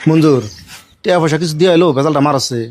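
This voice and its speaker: A man acting a fussy, gullible village farmer in a comedy drama, talking quickly and exclaiming often. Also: fairly high pitch, darkish tone, slight background noise, lightly acted. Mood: fussing. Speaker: farmer hiring laborers.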